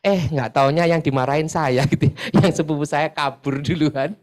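A man from Pasuruan, East Java, leads a church group sharing session in a church meeting room, speaking at normal speed in a fairly high voice. He's chatty and casual, often adding filler tags, and gets lively when retelling stories.

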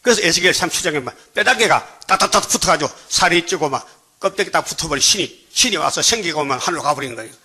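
A man with a Gyeongsang dialect preaching a sermon, reading scripture slowly, then pressing the congregation with rhetorical questions. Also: fairly high pitch, expressive, sharp tone, breathy edge. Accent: Gyeongsang Korean dialect. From Gyeongsang Province, Korea. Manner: slow, measured cadence when reading scripture. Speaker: pastor.

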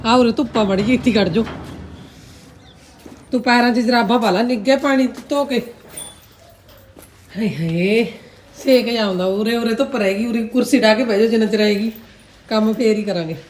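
A woman's voice: a little high, moderate pace, pauses often, a little mellow. Chatty exclaiming woman, noisy outdoor recording. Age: around forty. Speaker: vlogger. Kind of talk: casual home vlog chat. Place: outdoors in a farmhouse yard. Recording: clear background noise, outdoor ambience.

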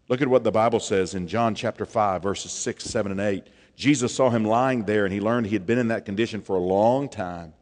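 A man, preaching an animated sermon on a church stage, dropping to a hush for emphasis. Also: fairly low pitch. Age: 40s. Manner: animated, gestures widely, drops to a hush for emphasis. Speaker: pastor. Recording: long reverb of a church hall.

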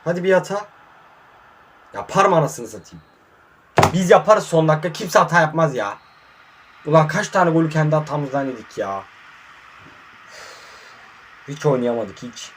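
A man commentating his own mobile football match, muttering in frustration and breaking into sudden excited outbursts, hot and sweating in a warm room. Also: on the high side, moderate pace, long pauses, slight background noise. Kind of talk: casual live gameplay commentary.

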